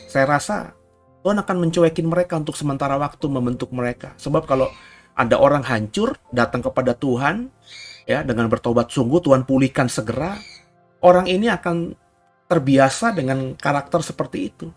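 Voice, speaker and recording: A man, a pastor giving an emphatic Bible teaching sermon that rises to near-shouts on key points. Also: medium pitch, a little fast, soft background music.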